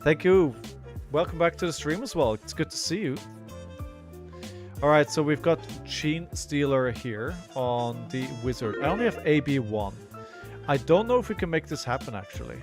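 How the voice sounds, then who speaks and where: A hoarse man on a headset mic, casually commenting on a live card game while he plays, halting and repeating words as he thinks aloud. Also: fairly high pitch, lively intonation, faint music behind. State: hoarse, coughing.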